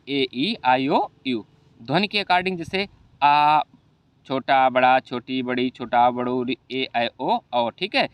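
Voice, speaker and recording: A man's voice: on the high side, a bit bright, dry recording. A man with a Hindi accent teaching an exam revision lesson, often asking rhetorical questions and adding "okay, brother.". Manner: repeats rhetorical questions and "ठीक है भैया".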